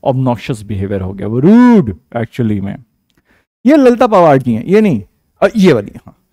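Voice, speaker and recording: Chatty Indian teacher with a lively voice. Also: male voice, medium pitch, moderate pace, dry recording. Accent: Indian English. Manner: chatty and joking, calls students 'beta'. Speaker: vocabulary teacher. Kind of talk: casual online lesson.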